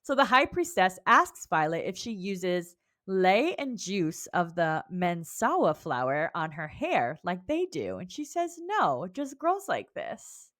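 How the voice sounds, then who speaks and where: A woman's voice: fairly low pitch, very animated, unhurried, few pauses, fairly bright tone. A woman co-hosting a book club podcast, chatting casually, swearing freely and laughing often. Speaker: podcast co-host.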